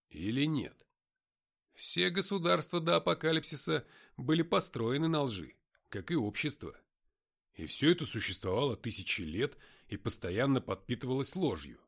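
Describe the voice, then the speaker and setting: A man reads an audiobook in the first person, voicing the hero's wry inner monologue. His delivery is expressive, with lively swings in pitch. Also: vocal fry. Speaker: audiobook narrator.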